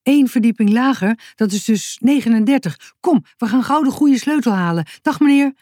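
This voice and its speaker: Vrouw die een opgewonden jongetje speelt. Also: female voice, on the high side, lively intonation, moderate pace, warm tone, no echo, studio quality, pitched above the performer's own voice. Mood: excited. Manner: eager, breathless calling out. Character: excitable young boy, impatient.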